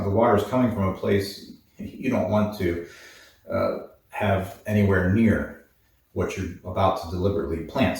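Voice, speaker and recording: A man with a very low voice gives a slow, deliberate herbal lesson. He sounds distant from the microphone. A heavy echo fills the recording. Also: a little mellow. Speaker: herbalist host. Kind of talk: instructional talk on herbs. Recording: very echoey, from far off the mic.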